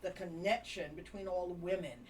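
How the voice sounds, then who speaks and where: A woman's voice: on the low side, normal speed. A woman co-hosting a live radio talk show, enthusiastic with rhythmic, rhyming phrasing. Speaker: radio co-host. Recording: distant mic, faint noise.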